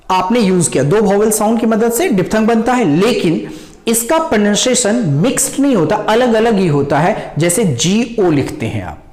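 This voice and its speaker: A woman teaching English pronunciation sounds in a slow lesson, drawing out each sound she demonstrates. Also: mid-range voice, a little mellow, reverberant.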